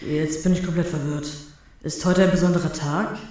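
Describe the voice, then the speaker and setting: A woman voicing a grumpy, sarcastic male pirate captain, speaking low and deadpan. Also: fairly quick, roomy sound, close to an everyday voice. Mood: irritated.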